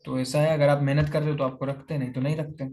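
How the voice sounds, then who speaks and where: A man's voice: a little high, flat delivery, very fast, a little mellow. A young man chatting casually on a lavalier mic, answering viewer questions and calling his listeners "brother" and "buddy". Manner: informal, addresses viewers as "bhai" and "yaar". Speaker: YouTuber answering viewer comments. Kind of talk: casual chat.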